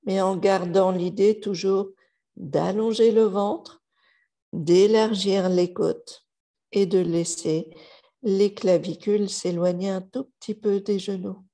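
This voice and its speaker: Female yoga instructor, soft counted cues, dark mellow tone, slow delivery. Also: mid-range voice. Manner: slow, calm cueing with soft counted breaths. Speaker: yoga teacher. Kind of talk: guided yoga class instruction.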